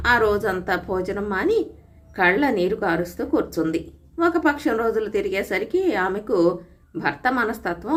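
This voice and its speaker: A woman storyteller reading a moral folk tale in a steady, scripted narration. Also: mid-range voice.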